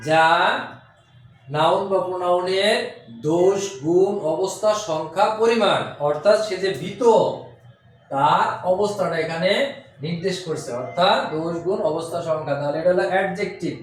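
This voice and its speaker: A man takes students through a grammar lesson with a fairly high voice. He explains patiently and step by step, sounding out syllables one by one. The room rings with heavy echo. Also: moderate pace, a little hiss or hum. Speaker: English teacher. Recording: very echoey room.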